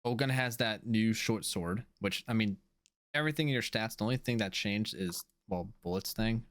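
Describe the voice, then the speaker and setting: Low-voiced man narrating a tabletop game. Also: normal speed, fairly bright tone, no echo. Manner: casual, filler-heavy narration. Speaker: game master.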